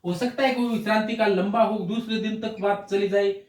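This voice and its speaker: A man's voice: sits high, fairly even intonation, brisk, recorded from a distance. A man teaching a chemistry class, explaining step by step and answering his own questions. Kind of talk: classroom lecture. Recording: roomy echo, voice from off mic.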